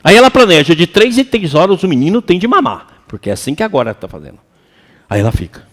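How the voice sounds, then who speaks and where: A man with a Brazilian Portuguese accent giving a lively, colloquial seminar lecture to an audience. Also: sits high, fast. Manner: animated and colloquial, acts out quoted voices. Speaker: seminar speaker. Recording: reverberant hall.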